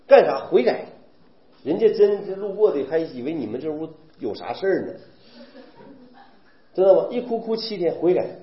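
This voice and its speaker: A man preaching a sermon, firing rhetorical questions and acting out weeping believers. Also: high-pitched. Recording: roomy, dull recording.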